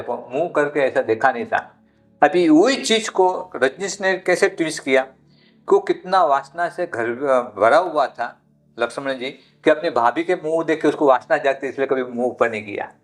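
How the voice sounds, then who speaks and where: Male monk guest, rambling anecdotal teacher, emphatic high rises, faint music bed. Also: normal speed. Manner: rambling storyteller, rises sharply in pitch when stressing a point. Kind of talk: podcast interview, teaching with stories.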